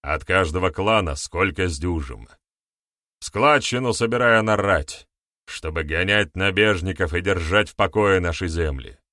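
A man voicing a stern middle-aged war chief who speaks forcefully and with emphasis, in a storybook reading. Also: sits low, unhurried, dry recording, clean studio sound.

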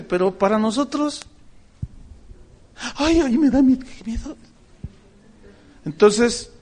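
Man, middle-aged pastor, high voice, animated storytelling sermon with humor.

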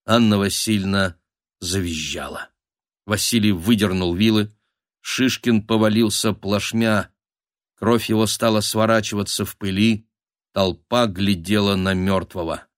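A man narrating a dark period thriller audiobook in a dramatic storytelling manner. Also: on the low side, fairly even intonation, unhurried, no echo, clean studio sound. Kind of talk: scripted narration.

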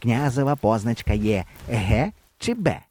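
A man's voice: mid-range voice, very animated, a little slow, a little mellow. A man voicing an obsequious male fortune-teller who speaks in a fawning, eager-to-please way.

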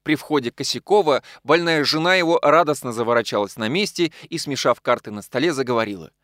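A man narrating an audiobook with expressive storytelling. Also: medium pitch, fairly quick, no echo, clean studio sound. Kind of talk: scripted narration.

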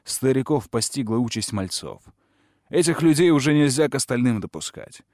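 A man's voice: medium pitch, expressive, normal speed, darkish tone, no room sound, clean studio sound. A man reading an audiobook aloud, narrating and voicing the characters' dialogue, rising sharply when the dialogue gets heated.

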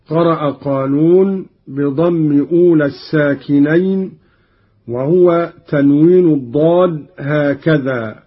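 A man teaching Quran recitation, explaining reading variants in a measured way and slowing to chant each cited verse, from an archival radio broadcast. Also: fairly high pitch, slightly rough. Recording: dull lo-fi archival radio recording.

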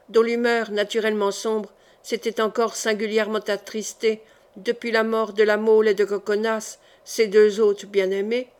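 A woman narrates a classic novel as an audiobook. Her delivery is measured and dramatic. Her voice sits somewhat high. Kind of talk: scripted narration.

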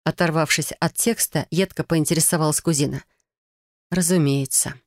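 A woman with a low voice reads a first-person story aloud as an audiobook. The recording is dry and close, with no room sound. Her delivery is measured and even. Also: no echo. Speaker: audiobook narrator.

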